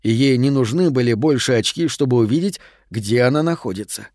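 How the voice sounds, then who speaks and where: A man narrating a fairy tale audiobook in a calm, measured storytelling manner. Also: mid-range voice, no echo, clean studio sound.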